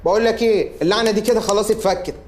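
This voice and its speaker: An actor playing an excitable, childish grown son, speaking with an Egyptian accent. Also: male voice, sits high, rapid-fire, slight background noise, lightly acted. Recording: echoey room.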